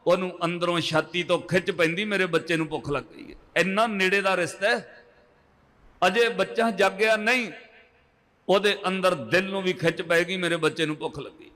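A male preacher with a high, bright voice tells a devotional story to a congregation. He slows to chant scripture lines between the narration. His voice rings out with a long reverb, as in a large hall. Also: fairly even intonation. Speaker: Sikh preacher. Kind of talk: katha sermon storytelling.

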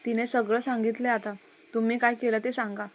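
Woman doing a young boss guy yelling at his staff in a story reading, flat tone. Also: fairly high pitch, fairly quick, natural voice. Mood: stern. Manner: shouting, scolding. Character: angry young male boss.

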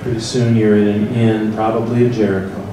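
This priest, leading a church forum of guided meditation and interactive talk, has a fairly low, flat voice and an American Midwest accent. He narrates slowly and reflectively in the second person inside a large, echoey hall with tables of people. The recording comes from a handheld mic filmed far across the room, picking up room noise.

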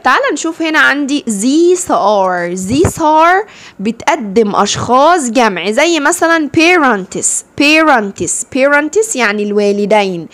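A woman teacher with an Egyptian Arabic accent explains English phrases to second-grade pupils, saying each phrase slowly and then explaining it in Arabic. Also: a little high. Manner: slow, drawn-out English model phrases.

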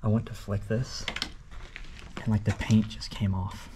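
A man's voice: on the low side, little pitch movement, a little slow. A man giving casual, uneasy, hesitant commentary for a night exploration vlog, speaking in a subdued way. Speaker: urban exploration vlogger. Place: inside a derelict empty building at night. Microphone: camera carried or worn by the speaker. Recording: noisy on-location action camera audio.

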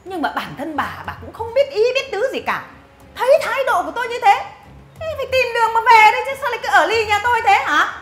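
A woman's voice: very high voice, big pitch swings, fast talker, fairly bright tone, reverberant, exaggerated voice. An actress playing a scornful, bossy mother-in-law who scolds and mocks with sneering laughs. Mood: scornful scolding. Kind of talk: family drama acting.

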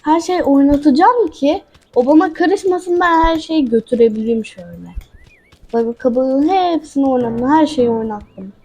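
A woman's voice: sits high, animated, normal speed, dark tone. A woman hosting a gaming channel, chatting casually to her viewers as she plays and talking back to a character in the game. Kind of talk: casual let's-play commentary.

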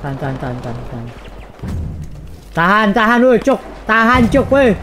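A man giving casual gameplay commentary, shouting repeated commands and cursing at his teammates. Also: high-pitched, very animated, moderate pace, music in the background. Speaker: gaming YouTuber. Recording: game gunfire loud behind voice.

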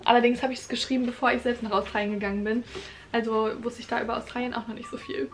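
A woman's voice: a little high, fairly bright tone. A young woman reading her own teenage crime story aloud and breaking off for sarcastic comments on the writing. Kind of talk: reading aloud with joking asides.

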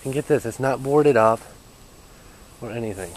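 In this handheld exploring vlog, a young man walks an overgrown yard and talks in an unsure, nervous way, leaving thoughts incomplete. His voice is medium-pitched and a little mellow, at a moderate pace. Poor audio, with slight background noise.

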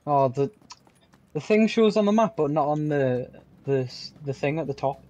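A man's voice: fairly high pitch, lively intonation, normal speed, darkish tone, highs cut off. A man chatting while gaming, giving advice and often restarting his sentences. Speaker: player. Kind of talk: casual game chat.

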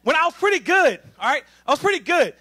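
High, bright, animated male preacher. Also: quick pace. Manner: animated, humorous call-and-response preaching with the congregation. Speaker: assistant minister. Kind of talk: lively sermon. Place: church sanctuary.

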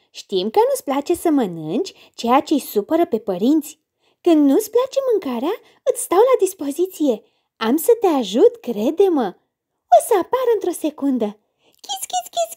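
A woman voicing a tiny, cheerful, helpful mouse in a children's story, with squeaky chirping calls. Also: warm tone. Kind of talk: storybook character voice.

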